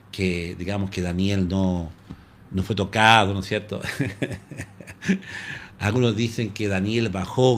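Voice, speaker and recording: A pastor from Chile with a Chilean Spanish accent, preaching a live-streamed sermon in an animated storytelling manner. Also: male voice, fairly low pitch. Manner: animated storytelling, addresses listeners as "hermano".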